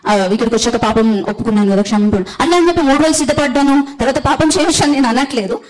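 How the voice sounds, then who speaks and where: A woman preaching a sermon. Her voice sits a little high. She speaks bluntly and forcefully, stressing her points with repeated hallelujahs. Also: rapid-fire, low-quality recording.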